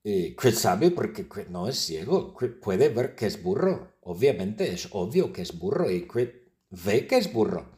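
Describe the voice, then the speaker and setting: A man's voice: lowish voice, sing-song, measured pace, warm tone. A man telling a playful, repetitive story in simple words for language learners.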